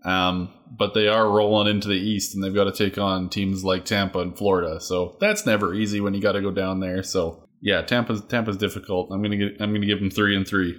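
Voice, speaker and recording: A man's voice: low voice, little pitch movement, brisk, hardly any pauses, a bit bright. A man with a Canadian accent co-hosting a hockey podcast in casual chat, giving dry, wry remarks. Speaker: podcast co-host.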